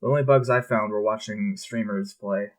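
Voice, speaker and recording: Guy cohosting a podcast, kinda low voice, super relaxed, swears a lot. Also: normal speed. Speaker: podcast co-host. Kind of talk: casual chat.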